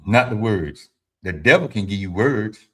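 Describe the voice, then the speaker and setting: Man in his fifties, low and forceful, livestream host with a preachy advice style. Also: animated, unhurried. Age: 50s. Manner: informal and preachy, repeats his points; speaks to viewers directly, answers chat. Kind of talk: motivational talk to a live audience.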